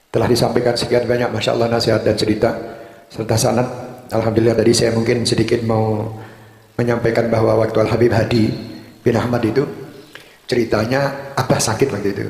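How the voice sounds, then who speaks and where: A man speaks in a calm, unhurried way, pausing and searching for words as he recalls the past. His voice sits at an ordinary middle pitch, and it echoes around a large, reverberant hall. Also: creaky. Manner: calm, halting storytelling with fillers. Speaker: religious leader and guest speaker. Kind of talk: religious talk and reminiscence.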